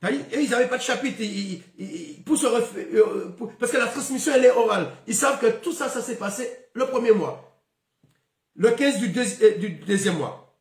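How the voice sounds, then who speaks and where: A man's voice: sits high, echoey room. A man giving a spoken Bible lesson, stopping often with fillers and repeated words. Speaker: Bible teacher.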